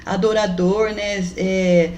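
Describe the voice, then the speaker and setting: A woman's voice: medium pitch, little pitch movement, takes it slowly, a little mellow, slight background noise. A woman giving an emotional faith testimony as a mother, fervently addressing listeners as brothers. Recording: roomy echoey recording.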